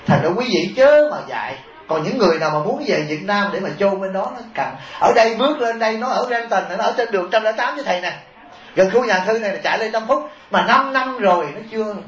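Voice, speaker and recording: A man's voice: high voice, animated, fast talker, fairly bright tone. A man, a Buddhist monk giving a humorous sermon, often chuckling and asking his listeners rhetorical questions. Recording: echoey, dull taped sermon recording.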